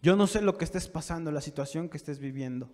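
A man preaching a sermon to young people, building from calm talk to fervent shouting. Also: a little high, quick pace. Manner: preaching with rising fervor, shouting at peaks. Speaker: pastor. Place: church sanctuary. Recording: long church reverb.

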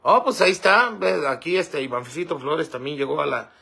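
A man's voice: on the high side, moderate pace, pushed and bright. A man hosting a casual livestream, reading viewer comments aloud and rambling with many fillers. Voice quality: gravelly, husky. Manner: rambling, fillers like "este" and "¿verdad?".

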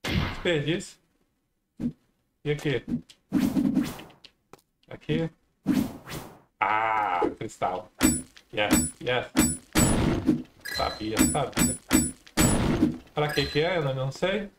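A man's voice: mid-range voice, big pitch swings, extremely slow, pauses often, heavy background noise. Chatty man narrating his gameplay. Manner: chatty, talks to viewers, many exclamations. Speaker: gameplay streamer. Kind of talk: casual let's-play commentary.

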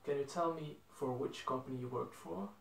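A man's voice: medium pitch, normal speed, gravelly. A young man leads a casual interview, asking plain questions and hesitating often. His voice sounds roomy and set back from the phone. It comes across as a homemade living-room recording. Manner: hesitant, many fillers, simple questions. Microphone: phone camera across a table. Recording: roomy, from a distance.

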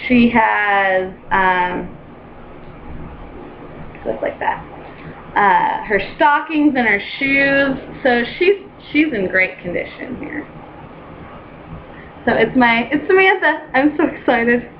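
Young woman, excitable, gushing, casual home vlog, many ums, slow, dull lo-fi recording. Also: a little high. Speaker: doll collector vlogger. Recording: dull lo-fi home video with faint hiss.

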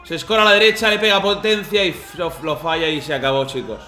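A man recapping football matches as excited commentary, emotional and shouting at misses. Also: fairly high pitch, fast, reverberant, soft background music. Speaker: team president and streamer recapping matches.

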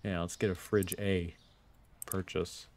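With a deep voice and little pitch movement, a gameplay video host talks at a measured pace through a casual let's play. He mutters his thoughts aloud in a relaxed way while managing a store in the game.

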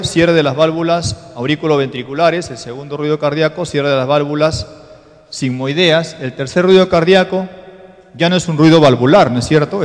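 Man, Peruvian Spanish accent, medical lecturer, explanatory, rhetorical questions, fairly high pitch, reverberant lecture room. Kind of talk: exam-prep cardiology lecture. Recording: long hall reverb.

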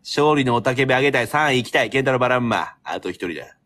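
A man's voice: mid-range voice, expressive, rapid-fire, a bit bright. A man with a Kansai accent hosting a live stream battle, teasing and throwing playful insults.

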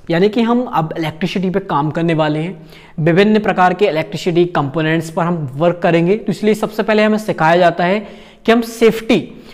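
A man's voice: high voice, a little mellow. Young man explaining a course to camera. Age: young adult. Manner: casual, peppers talk with filler tags and gestures while explaining. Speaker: channel host, course guide.

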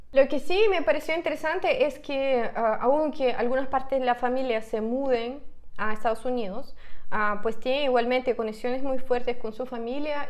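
A woman's voice: on the high side, darkish tone. Russian woman thinking aloud over her laptop. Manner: thinking aloud while reading from a laptop, many fillers and restarts. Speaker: vlogger. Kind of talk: casual reaction vlog. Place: home room with a piano, indoors. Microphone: clip-on lapel mic.

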